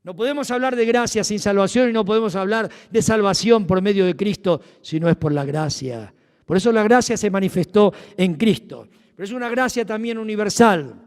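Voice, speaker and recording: A man with a Rioplatense Spanish accent preaching a sermon, emphatic and swinging from loud to hushed. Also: high voice, brisk. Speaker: pastor. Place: church. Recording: long reverb of a church hall.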